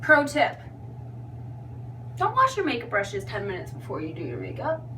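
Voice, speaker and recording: A young woman vlogging a makeup tutorial talks casually and loosely, giggling, tipsy and self-deprecating. Her voice is a little high and sharp, with huge pitch swings at normal speed. The audio comes from a distant mic, with background noise and hum.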